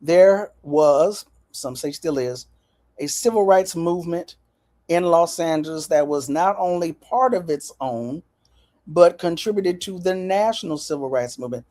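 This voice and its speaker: Lively folksy woman host, mellow voice. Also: on the low side, measured pace. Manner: folksy, lively, talks straight to viewers. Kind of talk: casual chat to viewers.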